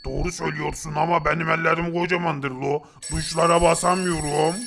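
A man voicing a hulking, dim-witted male cyclops in an animated cartoon, with a gruff, drawling rustic way of talking. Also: on the high side, a little fast. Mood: blustering.

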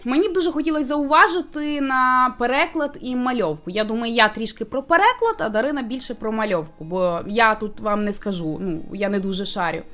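A woman in casual chat, reviewing a manga and explaining her points with a steady flow of fillers. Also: on the high side, fairly quick, hardly any pauses. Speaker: booktuber co-host reviewing manga.

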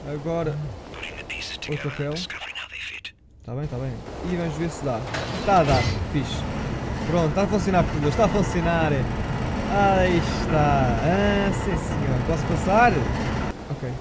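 Excitable European Portuguese young man gaming. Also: fairly high pitch, normal speed, very noisy. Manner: excitable, mutters to himself, swears when startled. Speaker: gaming channel host. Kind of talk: horror game commentary.

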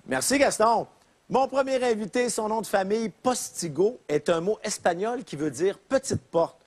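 A man hosting a TV comedy game show, teasing guests and announcing them loudly. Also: sits high, normal speed. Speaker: host.

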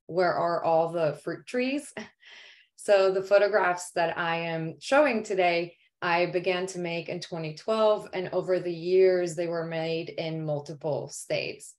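A measured pace and a lowish pitch mark this woman's delivery. Polish by birth and Greek by upbringing, she presents her art earnestly on a video call, explaining carefully with an occasional filler "um."

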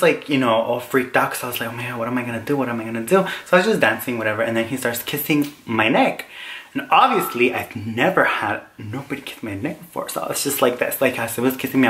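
A young man vlogging, telling a story in an animated, dramatic way with sudden squealing exclamations. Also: mid-range voice, a little hiss or hum. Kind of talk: casual storytelling.

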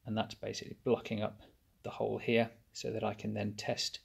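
A man walks through a repair step by step in a husky, gravelly voice. His delivery stays flat and even, with small pauses and fillers as he works. It sounds like a phone recording in a workshop. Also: fairly low pitch. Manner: plain step-by-step explaining with fillers. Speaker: engine rebuilder. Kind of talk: workshop how-to narration. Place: indoor workshop bench.

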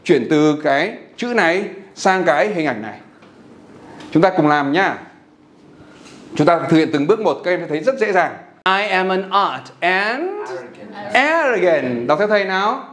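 A man's voice: fairly high pitch, lively intonation, normal speed, long pauses. A male teacher from Vietnam leading an English vocabulary drill, coaxing students to repeat each word after him.

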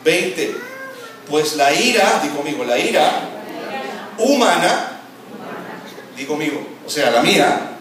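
A male pastor preaching an animated sermon with a Latin American Spanish accent, sometimes mimicking quarrelling voices. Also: fairly high pitch, a little slow, crowd noise. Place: church hall. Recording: very echoey hall, from far off, noisy.

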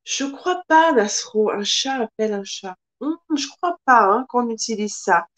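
A woman teaching a live online language lesson, reading out viewer comments and thinking aloud in a slow, patient way. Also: on the high side, animated, fairly bright tone. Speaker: French teacher.

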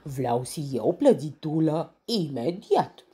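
A woman's voice: low voice, big pitch swings, mellow, breathy edge, pitched above the performer's own voice, heavily acted. A woman voicing a bossy male lion king with a thick, lisping voice, for a children's storybook. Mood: demanding. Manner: bossy, roaring demands.

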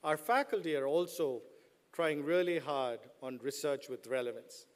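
A middle-aged business school dean delivers a commencement speech at a podium in a large hall, using podium microphones. He weaves playful jokes and asides to the audience into his address. His voice is fairly high and animated, at normal speed.

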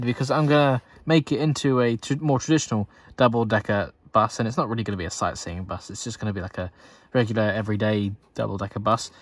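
A man's voice: mid-range voice, no room sound. A man narrating his Lego building in a chatty, upbeat way, thinking aloud as he goes. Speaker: Lego builder and channel host. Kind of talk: casual narration over build footage.

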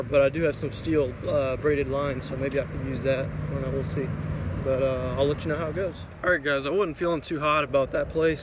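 A young man in his twenties talks into a phone camera held at arm's length while fishing beside a creek. His talk is relaxed and rambling, full of fillers. Traffic and road noise hum clearly behind him. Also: mid-range voice. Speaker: fishing vlogger. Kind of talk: casual outdoor vlog. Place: outdoors by a creek under a highway overpass. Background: traffic and outdoor ambience.

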